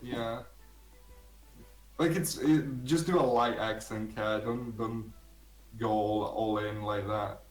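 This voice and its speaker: A man's voice: lowish voice, steady tone, takes it slowly, pauses often, recorded from a distance, soft background music. A man running a tabletop game as game master, who talks with a lot of stammering and hesitation. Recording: echoey room, off mic.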